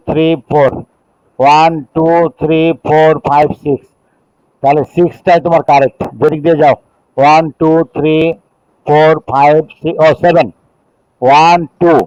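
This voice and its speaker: A middle-aged man from Bangladesh with a Bangladeshi accent gives a classroom chemistry lecture. He reads rules slowly in English, then explains them in Bengali and counts chain carbons aloud. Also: a little high, darkish tone, clear, resonant tone, dry recording. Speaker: chemistry teacher. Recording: dull, dry lo-fi recording.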